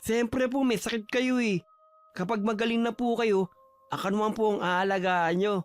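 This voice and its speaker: A man voicing a gentle, devoted son who speaks softly and politely to his sick mother. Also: high voice, steady tone, normal speed, smooth, close to an everyday voice. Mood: tender. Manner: soft, polite, tender. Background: faint music.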